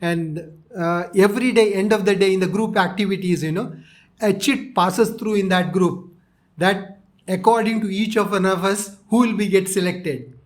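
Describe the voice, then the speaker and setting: High-pitched older South Indian man, measured. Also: steady tone. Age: 60s. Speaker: interviewee, retired navy officer. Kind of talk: interview, recounting personal experience.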